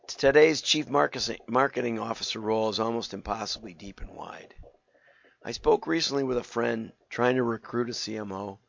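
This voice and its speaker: An older man who has partly lost his voice, hosting a casual talk in a hoarse, rambling, wry way. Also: fairly low pitch, slight background noise. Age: older, 60s or above. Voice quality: hoarse, gravelly. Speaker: host and direct marketing consultant. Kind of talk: casual solo show talk with commentary. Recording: roomy, slightly dull lo-fi sound.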